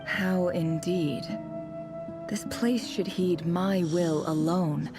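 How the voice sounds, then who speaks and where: An actress playing a shrewd, imperious female boss in a video game, haughty and teasing, speaking in a deliberate, eloquent way. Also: lowish voice, fairly even intonation. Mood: cryptic, assured. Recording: music behind the voice.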